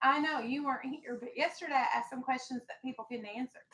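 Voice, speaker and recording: An elementary school teacher reads a children's storybook aloud in a classroom and talks to her class with a firm, instructive manner. Her voice sits high and is fairly bright, and she speaks fast, though the audio quality is poor.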